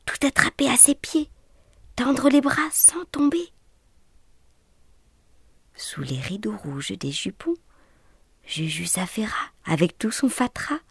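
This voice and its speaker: A woman reading a children's story aloud in a soft, playful way, often dropping to a whisper. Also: fairly high pitch, husky, dry recording, studio quality.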